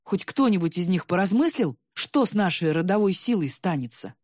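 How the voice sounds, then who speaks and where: A woman voicing a bitter, jealous young man who shouts resentfully, his voice breaking with tears. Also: fairly low pitch, sing-song, normal speed, dry recording, studio quality. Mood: bitter, shouting.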